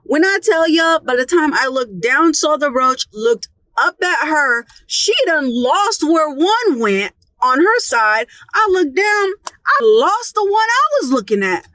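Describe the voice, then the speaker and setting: A woman's voice: sits high, unhurried, few pauses, no room sound, poor audio. A young woman telling a casual, profane story from her own life, acting out what people said with gasps and whispers. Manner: animated, profane, acts out quotes with gasps and whispers. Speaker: storytime vlogger. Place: Florida.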